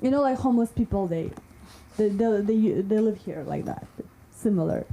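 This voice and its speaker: A woman's voice: medium pitch, lively intonation, moderate pace, mellow, poor audio. A woman from Kazakhstan with a Kazakh accent performing stand-up in a comedy club, teasing the crowd.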